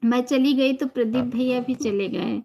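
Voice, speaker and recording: A woman from Uttar Pradesh with an Awadhi-flavored Hindi accent, hosting a live stream and chatting casually with viewers, greeting them by name and softly repeating blessings. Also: on the high side, a little slow. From Uttar Pradesh, India. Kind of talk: casual live-stream chat reading comments.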